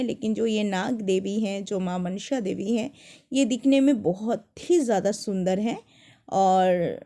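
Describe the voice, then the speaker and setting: A young woman telling personal stories to viewers in a casual, animated way, often restarting her sentences. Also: on the high side. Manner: animated, dramatic retelling with many restarts. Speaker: storyteller.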